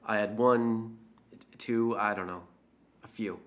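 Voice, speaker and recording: In a dramatic monologue, an actor speaks slowly in a lowish voice with fairly even intonation. He plays a resentful, slightly drunk man making a confession, a character who frightens a woman.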